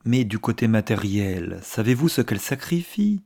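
A man reading a novel aloud, voicing an effusive, gossiping older aristocratic woman with theatrical, hushed asides. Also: lowish voice, very animated, normal speed, gravelly.

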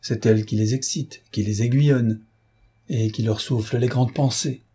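A man's voice: mid-range voice, steady tone, normal speed, warm tone, slightly rough, close to an everyday voice. A man reading an audiobook, voicing a pompous, stingy older male scholar who lectures his young assistant. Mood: patronizing. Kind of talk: audiobook character voice.

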